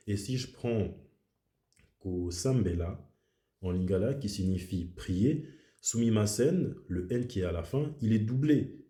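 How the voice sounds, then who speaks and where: A man with a low, very dark and mellow voice talks through his thoughts in a casual, reflective way. He circles back and repeats himself for emphasis. The sound bounces around a noticeably echoey room. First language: French. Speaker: video host. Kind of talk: casual explanatory monologue.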